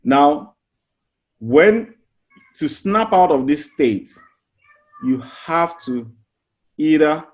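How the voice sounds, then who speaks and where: The speaker is a middle-aged man whose medium-pitched voice is a little mellow, running a casual motivational class as a life coach. He keeps it earnest and conversational, frequently restarting phrases and asking rhetorical questions.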